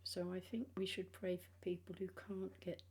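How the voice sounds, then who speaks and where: An older British woman, in her sixties or beyond, chatting casually and haltingly in a personal vlog, sounding tired, with speech affected by missing front teeth. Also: on the low side, level tone, darkish tone, slightly rough. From England. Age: 60s or older. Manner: halting, rambling, trailing phrases.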